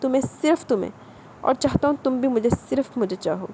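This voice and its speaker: A woman voicing a domineering young man who speaks in a calm, threatening way. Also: sits high, a little hiss or hum. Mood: menacing.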